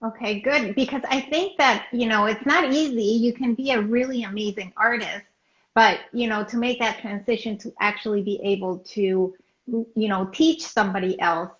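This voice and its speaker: A woman's voice: fairly high pitch, normal speed, fairly bright tone. Woman interviewer on a roomy, dull stream. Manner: encouraging, loose phrasing with many fillers. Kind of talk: casual interview over a live video stream.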